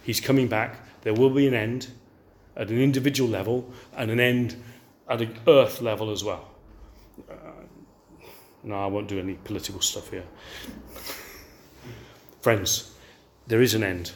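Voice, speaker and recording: Animated older male preacher. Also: fairly low pitch, normal speed, pauses often, a little hiss or hum. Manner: animated, asks the audience rhetorical questions. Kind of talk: sermon.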